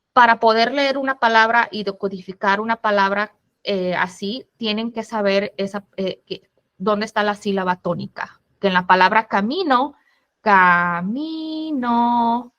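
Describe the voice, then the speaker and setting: A woman with a mid-range voice gives an online workshop to parents in the manner of a former teacher. She explains step by step and sounds out syllables slowly and clearly. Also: medium pitch, fairly bright tone, muffled recording.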